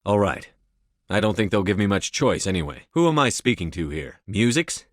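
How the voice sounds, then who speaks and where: A man's voice: on the low side, very animated, moderate pace, no room sound, studio quality. A man playing a tough military space commander in a video game, speaking in a terse, firm, authoritative way. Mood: forceful, resolute. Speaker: video game lead voice actor. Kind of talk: scripted game dialogue.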